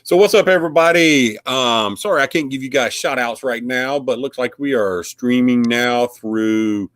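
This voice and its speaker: A man's voice: medium pitch, normal speed, a bit bright, no room sound. A man hosting a casual live stream recap of a paranormal investigation, rambling with lots of fillers. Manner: rambling, filler-heavy, friendly.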